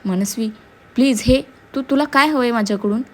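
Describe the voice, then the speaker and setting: Woman acting out a heartbroken young man in a storybook, shaky, pleading, voice a bit high. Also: moderate pace, close to an everyday voice. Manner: pleading, shaken. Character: young man, betrayed and desperate.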